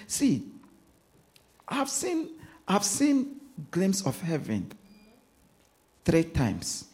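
A Ghanaian-accented man preaches from the pulpit, his voice pitched a little high and rising and falling widely. He repeats his points, drops to near-hushed asides and then pushes hard on the words he wants to land. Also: creaky. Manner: preaching with repetition, swinging from hushed asides to loud emphasis. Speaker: pastor. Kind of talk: sermon.

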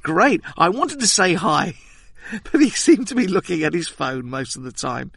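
A man's voice: high voice, expressive, normal speed, gravelly, a bit bright, husky, no room sound, clean studio sound. A man co-hosting a comedy podcast, teasing his partner in a wry way. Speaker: co-host. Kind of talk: comic podcast banter.

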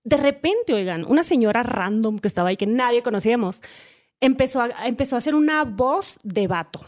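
A Mexican woman hosting a podcast, telling a story in casual chat, animated and swearing freely as she acts out quotes. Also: fairly high pitch, a little fast. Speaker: podcast host.

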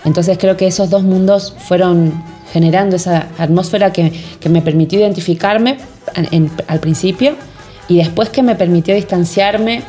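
A woman's voice: fairly low pitch, warm tone. A woman from Jujuy with a northern Argentine accent, a musician giving thoughtful interview answers and often searching for words. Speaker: musician guest.

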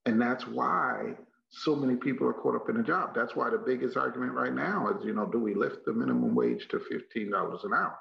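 A man's voice: medium pitch, gravelly. A man with a Texas accent giving a motivational leadership training talk in an emphatic, folksy manner, repeating phrases for effect. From Texas, United States. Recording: muffled, echoey room recording.

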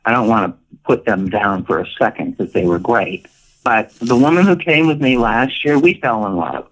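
An older woman spins her stories with a pitch that leaps all over the place, playful and theatrical. She laughs often and plays out the voices in her quotes. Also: lively intonation, moderate pace, poor audio. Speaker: guest, retired performer. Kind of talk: casual storytelling interview.

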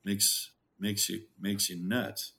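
A middle-aged man talks casually as a guest, jokey and animated. His voice sits fairly low but rings bright and forceful. He throws himself into quoted lines. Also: takes it slowly, creaky. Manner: jokey, animated, acts out quotes with big pitch jumps. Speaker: farm owner, podcast guest. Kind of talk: casual interview chat.

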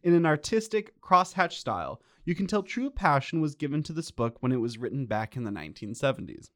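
A man's voice: on the high side, big pitch swings, fairly quick, no room sound. A man hosting a podcast, reading reviews aloud in a dry, jokey manner. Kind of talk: casual chat and reading aloud.

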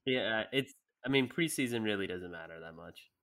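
A man's voice: on the low side, animated, moderate pace, fairly bright tone. A man who is a sports reporter, talking as a guest on a casual sports podcast, playful and teasing and laughing often.

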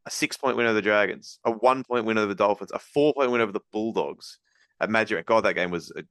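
A man hosting a casual sports podcast, breaking down games in a rapid, rambling analytical way with many restarts. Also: fairly low pitch, fairly bright tone, no echo, clean studio sound. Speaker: podcast host.

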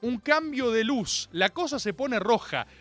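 A man's voice: extremely high pitch, animated, unhurried, fairly bright tone, soft background music. A man with a Rioplatense Argentine accent hosting a radio show, telling a comic monologue in slangy, theatrical storytelling. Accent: Rioplatense Argentine Spanish. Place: radio studio.

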